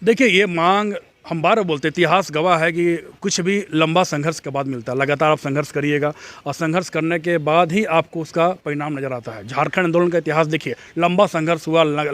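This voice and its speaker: Man, slightly high voice, earnest, explanatory, interview answer. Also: fairly bright tone, dry recording. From Jharkhand. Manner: earnest, explanatory, with frequent restarts. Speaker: activist interviewee.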